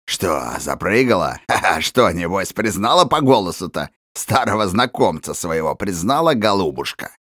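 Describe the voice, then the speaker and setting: A man voicing a coarse, menacing male forest tramp in an audiobook, with a rough, hoarse voice and slow, gloating, threatening delivery. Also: deep voice, sing-song, fairly bright tone, dry recording, studio quality, full character voice.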